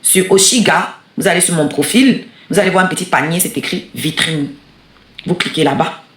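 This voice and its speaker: A woman's voice: on the low side, moderate pace, roomy sound. A woman host, commenting on a replayed live and plugging products, crying out often. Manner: exclamatory, animated, cries out often. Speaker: show host.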